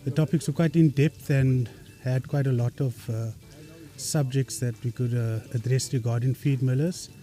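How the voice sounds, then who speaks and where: A man with a very dark, mellow voice sums up a course he attended in a brisk, plain way. Quiet music plays behind him. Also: mid-range voice, fairly even intonation. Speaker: course participant. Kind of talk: interview testimonial.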